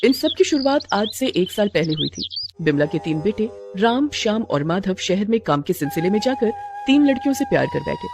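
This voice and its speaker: A woman narrating a scripted moral cartoon story with expressive storytelling. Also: mid-range voice, brisk, music in the background.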